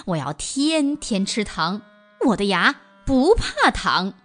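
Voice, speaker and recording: A woman's voice: medium pitch, sing-song, slow pace, soft background music, pitched below the performer's own voice. Woman doing a whining boastful tiger. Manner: whining and groaning in pain. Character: big boastful male tiger with toothache. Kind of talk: children's storybook reading.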